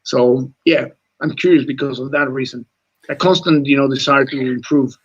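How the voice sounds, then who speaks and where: This rugby coach, a forties-aged Chilean whose native tongue is Spanish rather than English, gives an earnest radio interview. The lo-fi sound carries his medium-pitched, slightly rough voice at a steady tone and normal speed. Words get repeated, and "mate" comes up often.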